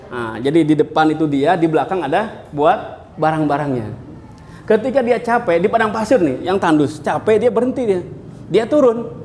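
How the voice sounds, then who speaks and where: Indonesian lecturer guy, kinda high voice, chatty storytelling to his class, quiet classroom hum behind. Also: normal speed. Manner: animated storytelling with questions to students. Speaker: university lecturer. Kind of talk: classroom lecture with jokes and anecdotes. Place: university classroom.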